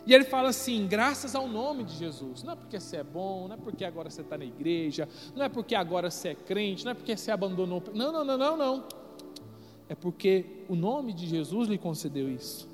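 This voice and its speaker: A man's voice: high voice, animated, fast talker, hardly any pauses. A man preaching emphatically to a youth congregation as pastor. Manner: emphatic, addresses the congregation directly. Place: church sanctuary. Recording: reverberant church hall with music behind.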